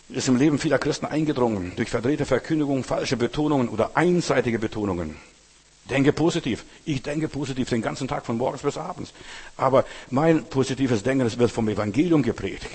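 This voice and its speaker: A man preaches with insistent emphasis, hammering home his points through repetition and asking his listeners direct questions. His voice is husky and mid-pitched. The sound rings with the long reverb of a large hall. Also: a little mellow. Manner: emphatic, repeats phrases for stress. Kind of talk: sermon.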